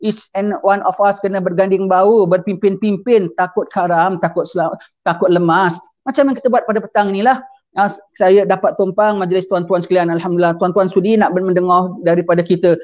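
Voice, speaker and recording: A man's voice: sits high, fairly even intonation, a little fast, a little mellow, lo-fi sound. A man preaching a sermon, mixing English phrases into his speech and asking his audience questions that he then answers himself.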